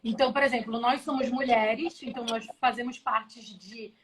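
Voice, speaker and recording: A woman from Belém, Brazil, a tech professional appearing as a guest, chats casually and explains ideas over a video call in a live conversation. Her voice is on the high side and her pace moderate; she sounds relaxed and explanatory but restarts often. There is slight background noise.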